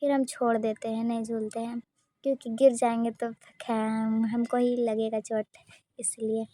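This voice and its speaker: A woman narrating her vlog in a casual voice-over, telling a simple story with hesitant pauses. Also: fairly high pitch, level tone, warm tone. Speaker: vlogger.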